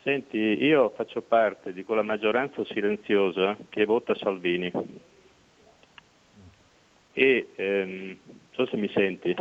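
A man's voice: fairly low pitch, slow, long pauses. A man calling in to a radio show over the phone, making his case insistently and repeating his points. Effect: voice heard over a phone line. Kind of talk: call-in political opinion. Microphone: telephone. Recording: tinny phone line.

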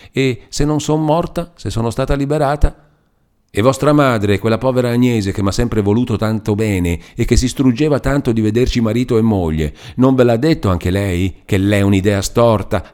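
A pious young woman pleads and prays in this storybook reading, her voice raised well above a plain speaking pitch, as a man reads her part. She sounds imploring and close to tears, with a devout, beseeching manner. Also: darkish tone, natural voice.

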